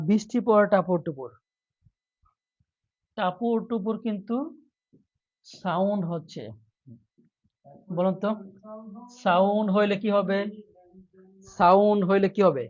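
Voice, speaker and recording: Man quizzing a class, lo-fi sound. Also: sits high. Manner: playful, acts out a mock plea before teaching, quizzes students with repeated questions. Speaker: teacher. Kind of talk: live online exam-prep lesson.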